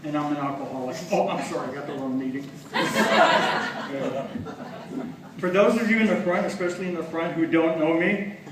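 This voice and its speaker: Self-mocking stand-up comic, echoey club. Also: male voice, on the high side, steady tone, moderate pace, distant mic, very noisy. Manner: chatty, self-mocking, teasing the audience. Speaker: stand-up comedian. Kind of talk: stand-up comedy set. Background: audience laughing.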